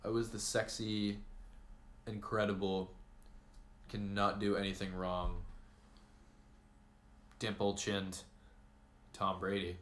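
Brief: young male co-host, low-ish but bright, forceful voice, crude jokey banter. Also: slow pace, pauses often. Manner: joking, crude, animated. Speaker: podcast co-host. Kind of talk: casual banter.

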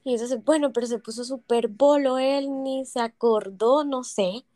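A woman's voice: sits high, moderate pace, dry recording, clean studio sound. A woman, casually telling family stories on a podcast and acting out the people she quotes. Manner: animated, acts out quoted voices. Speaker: podcast co-host. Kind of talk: casual storytelling chat.

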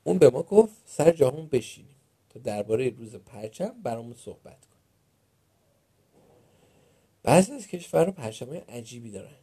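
A man reading a children's storybook aloud in the first person, with a Persian accent and a lively, playful delivery. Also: medium pitch, pauses often, slightly rough, dry recording. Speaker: narrator.

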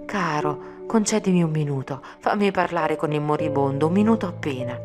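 A woman's voice: low-pitched, expressive, brisk, pitched above the performer's own voice. A woman voicing a young woman who pleads desperately with her fiancé in an audiobook. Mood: pleading. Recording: music playing behind. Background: music.

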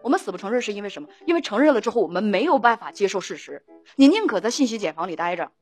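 Lively woman, husky. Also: mid-range voice, very fast, soft background music. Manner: animated, acts out both sides of conversations; frequent laughter and repeated words. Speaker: host of an emotional talk show. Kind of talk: storytelling talk-show monologue.

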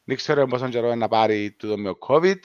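Male, Cypriot Greek accent, smooth clear voice, casual discussion, dry and slightly dull recording. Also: mid-range voice, a little mellow, no echo.

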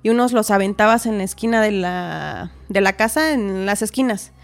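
A woman's voice: medium pitch, moderate pace, gravelly, soft background music. A woman, a podcast guest telling a personal story in casual talk, acting out what others said. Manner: animated, acts out quoted dialogue.

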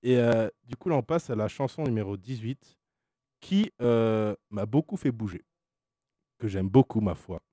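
A man's voice: on the low side, moderate pace, warm tone, no echo, clean studio sound. A man in his twenties hosting a blind test in casual chat, teasing and playful, laughing often. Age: 20s. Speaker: radio host running a blind test.

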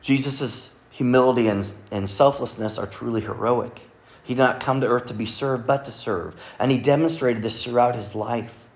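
A man's voice: mid-range voice, steady tone, moderate pace. Earnest male pastor preaching a sermon. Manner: earnest preaching, quotes scripture aloud. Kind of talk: Sunday sermon. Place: church service with congregation.

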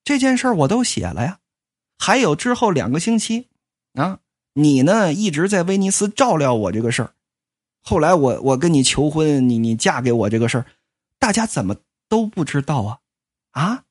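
Woman doing a cocky young guy, swaggering, stammering, lively swooping pitch. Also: moderate pace, breathy edge, exaggerated voice. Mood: flustered. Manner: swaggering, quarrelsome, bursts into flustered stammering. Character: brash cocky young man back from the dead. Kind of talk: comic storytelling.

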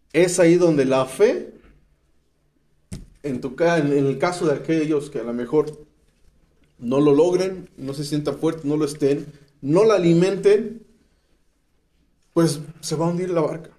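A man with a Mexican accent preaches a testimony sermon, slangy and emphatic as he reads scripture and explains it. His voice sits high yet sounds mellow and warm, never sharp. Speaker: speaker at a rehab center.

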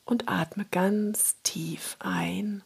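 A woman guiding a relaxation meditation in a soft, soothing spa-like whisper, breathy and husky. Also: medium pitch, steady tone, very slow. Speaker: relaxation exercise guide.

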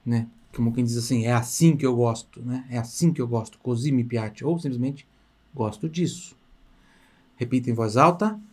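A Portuguese-speaking man teaching an Italian lesson, stretching words out slowly for pronunciation and then chatting quickly in between. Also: mid-range voice, darkish tone, breathy edge. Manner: slow, drawn-out pronunciation drills between quick asides. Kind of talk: language lesson.

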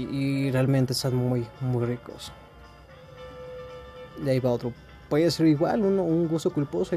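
A man with a Mexican accent, talking casually and rambling in a laid-back, slangy way to his listeners. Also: medium pitch. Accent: Mexican Spanish. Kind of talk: casual monologue.

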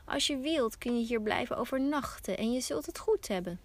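A woman voicing a kind, welcoming old woman from a fairy tale, gentle and inviting. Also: a little high, animated, moderate pace.

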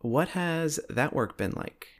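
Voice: medium pitch, lively intonation, slow pace. An interviewer asking a student about her work, encouraging, with frequent affirmations. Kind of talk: casual interview.

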